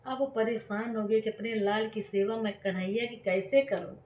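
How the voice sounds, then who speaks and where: A woman's voice: a little high, steady tone, darkish tone, far from the mic, a little hiss or hum. Woman singing devotional songs and telling a story. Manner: alternates slow sung refrains with rapid storytelling. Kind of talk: bhajan singing with story narration. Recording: roomy echo with tambourine music.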